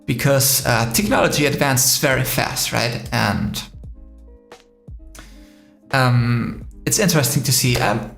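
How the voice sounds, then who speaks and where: A man's voice: mid-range voice, animated, takes it slowly, creaky, pauses often, fairly bright tone, echoey room, soft background music. A man from Spain hosting a casual live stream, rambling with many fillers and answering viewers' comments. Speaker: drone live-stream host.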